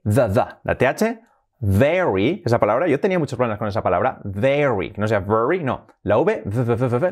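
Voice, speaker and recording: Lively Spanish man teaching English. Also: medium pitch. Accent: Spain Spanish. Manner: slow, exaggerated pronunciation drills. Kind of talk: casual video lesson.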